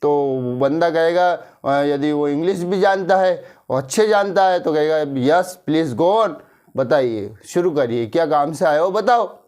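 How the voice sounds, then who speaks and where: A man teaching spoken English in a lesson, switching between Hindi and English and slowly repeating English phrases with an Indian accent. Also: on the high side, a little mellow, clear, resonant tone.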